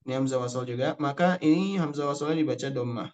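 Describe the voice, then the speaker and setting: A man's voice: medium pitch, a little mellow. A young man teaching an online Arabic spelling lesson, patiently explaining rules step by step and repeating key words. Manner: recites Quranic verses slowly in chant.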